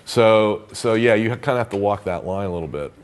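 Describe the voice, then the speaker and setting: A man explains therapy methods in a relaxed, off-the-cuff teaching style. His voice sits on the lower side, and he keeps circling back with fillers and restarts as he works out his point. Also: a little fast, smooth. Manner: conversational, loose, full of fillers and restarts. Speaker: therapy trainer. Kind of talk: casual teaching talk.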